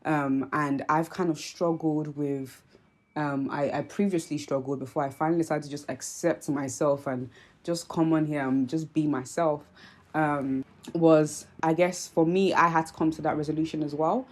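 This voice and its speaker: This YouTuber is a woman in her twenties whose accent blends Nigerian and British. Her voice is low and steady at a normal pace as she speaks earnestly and candidly to camera in an opinion vlog, often using fillers and restarting sentences.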